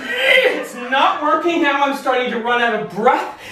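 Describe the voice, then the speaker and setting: Guy with a high voice telling a story live, really echoey room, mic kinda far off. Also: measured pace. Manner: animated, profane, shouting at peaks. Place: stage at a storytelling concert. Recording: echoey room, distant mic, audible noise.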